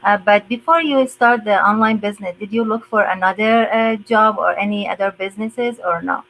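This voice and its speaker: An older woman hosting a live online interview, talking slowly with many hesitant fillers. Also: medium pitch, fairly bright tone, poor audio. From USA resident. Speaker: host.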